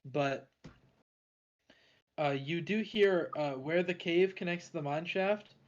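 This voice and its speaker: A man narrating a tabletop game as dungeon master, halting and full of fillers. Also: a little high. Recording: slightly dull lo-fi mic.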